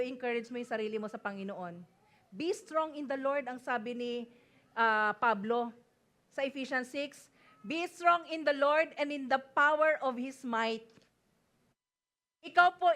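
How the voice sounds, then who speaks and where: A Filipino woman pastor preaching to her congregation in a high, bright register. She speaks emphatically, switching between Tagalog and English and often pausing to call out for an amen. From Philippines. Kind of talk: sermon mixing Tagalog and English. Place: church service before a congregation.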